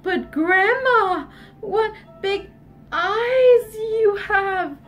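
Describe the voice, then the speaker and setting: A woman voicing a sweet, innocent, easily frightened little girl in a storybook, with drawn-out, wide-eyed delivery. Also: high voice, sing-song, faint music behind, full character voice. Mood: puzzled wonder.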